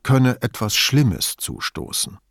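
A man voicing a calm, probing male police inspector in an audiobook, speaking in a measured, quiet way. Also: medium pitch, no echo, clean studio sound, heavily acted.

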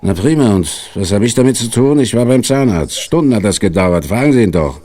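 A man's voice: fairly low pitch, animated, a little fast, dark tone. An actor voicing a grumpy, sarcastic male suspect in a radio play. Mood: surly. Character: surly hostile male suspect with toothache.

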